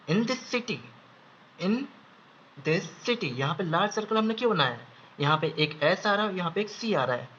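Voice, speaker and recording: A young man teaching shorthand step by step, slowly repeating each word several times as he draws it. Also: high-pitched, fairly bright tone. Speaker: shorthand instructor. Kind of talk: step-by-step lesson. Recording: slightly dull audio with faint background hiss.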